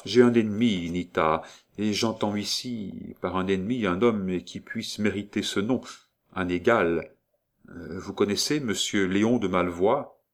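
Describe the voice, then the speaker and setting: A jealous, brooding young nobleman, as a male reader acts him out, murmurs in a low, soft, hushed voice. His tone is pleading and tender, in a storybook reading. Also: a little slow. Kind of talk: audiobook reading.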